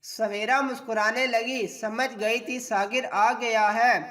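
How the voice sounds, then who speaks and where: A woman narrating an emotional story in a steady, measured way. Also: a little high. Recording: distant mic.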